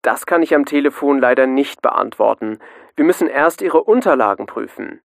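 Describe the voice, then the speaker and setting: A man's voice: medium pitch, lively intonation, moderate pace, creaky, no room sound, clean studio sound. A man acting a polite hotline clerk, in a scripted language-course dialogue. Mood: polite, helpful. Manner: polite, formal customer service voice. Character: polite male advice hotline clerk taking a call.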